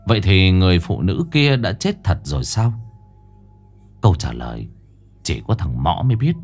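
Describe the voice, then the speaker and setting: A man's voice: low voice, big pitch swings, normal speed, darkish tone, soft background music. A man narrating a ghost story in a dramatic, suspenseful way.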